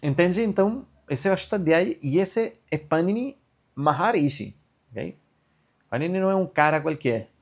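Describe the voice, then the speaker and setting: A man's voice: a little high, lively intonation. A man teaching an online Sanskrit grammar class over a video call, explaining patiently and often checking in with "entende?". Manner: slow chanted recitation of a verse.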